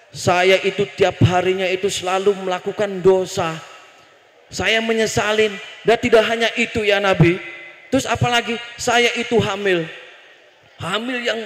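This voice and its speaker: A man voicing a tearful, repentant sinful woman who pleads in a halting voice. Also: high-pitched, fairly bright tone, echoey room, in a large hall.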